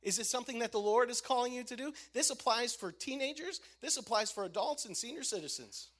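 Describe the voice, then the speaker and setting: A man's voice: very high-pitched, fast, a bit bright. A man who works as a youth minister, preaching an emphatic sermon and repeating key lines for emphasis. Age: adult.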